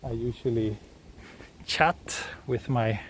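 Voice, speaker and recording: Walking outdoors along city streets, a Swedish man hosts a relaxed live stream in English, his second language, answering viewer chat as he goes. He speaks slowly at a medium pitch, with slight background noise.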